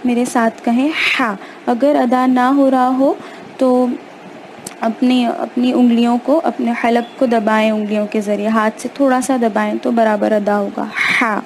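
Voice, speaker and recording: A woman teaching Arabic letter pronunciation, reciting slowly and explaining step by step with patient repetition. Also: on the high side, little pitch movement, darkish tone, a little hiss or hum, rough recording. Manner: slow, measured recitation. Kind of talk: recited prayer and slow letter drill; explanatory lesson.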